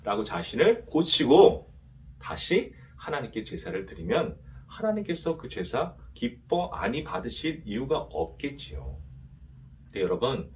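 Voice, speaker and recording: A man's voice: medium pitch, wildly swooping pitch, unhurried, darkish tone. A male pastor preaching to a young adults' service, asking rhetorical questions and having the congregation repeat after him.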